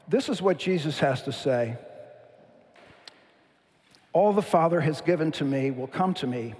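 A man preaching a sermon in a church, measured, with slow and emphatic phrase endings. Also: on the high side, darkish tone. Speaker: pastor. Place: church sanctuary. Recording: long hall reverb.

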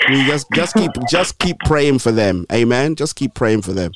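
In a studio, a man hosts a gospel radio interview with a medium-pitched, very animated voice at normal speed. He often restarts his words and encourages his guest in a preachy way, and the recording is very noisy.

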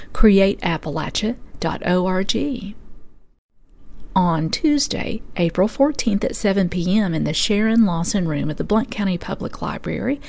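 A woman's voice: mid-range voice, creaky, a little mellow. A woman hosting a farm and food podcast, reading event announcements from a script. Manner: reads event listings steadily. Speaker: podcast host.

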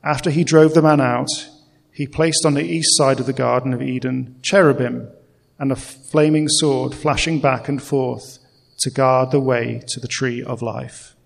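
A man reading a Bible passage aloud in church, slowly and deliberately. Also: mid-range voice, fairly even intonation, vocal fry. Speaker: scripture reader. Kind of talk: slow scripture reading. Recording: long reverb of a church hall.

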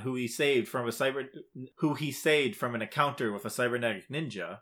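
A man co-hosting a podcast recaps a video game's plot casually, using emphatic, short clipped phrases. His voice sits at medium pitch with a fairly bright tone.

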